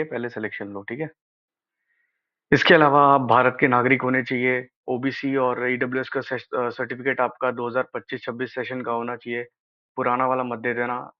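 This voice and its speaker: An Indian exam-advice presenter walks through the practical details of a job notification in an informal explainer. Like an elder brother, he offers casual guidance and keeps checking that you're following. His pitch is typical for a man, and the audio is a bit dull and lo-fi.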